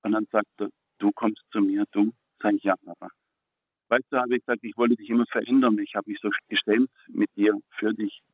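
A man's voice: lowish voice, fairly even intonation, no room sound. Earnest middle-aged man on a phone line. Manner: earnest, halting, repeats words when moved. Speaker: guest. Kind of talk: personal faith testimony. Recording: phone-like, narrow and dry.

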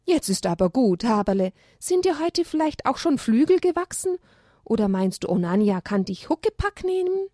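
A caring mother donkey in a children's storybook, voiced by a woman reader. She is motherly and firm and speaks in a raised, lively voice. The sound is dry. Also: a little high, normal speed, no room sound, pitched above the performer's own voice. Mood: teasing. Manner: motherly, gently scolding.

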